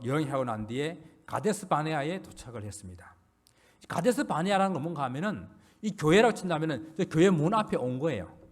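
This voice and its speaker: Animated Korean pastor preaching a sermon. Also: male voice. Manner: earnest preaching with rising emphasis and trailing low endings. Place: church sanctuary.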